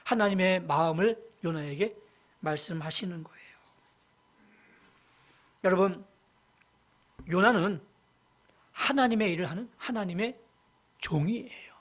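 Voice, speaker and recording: A senior pastor preaching a Sunday sermon in a church, retelling a Bible story and swinging between loud emphasis and hushed asides. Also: mid-range voice, unhurried, long pauses. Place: church sanctuary.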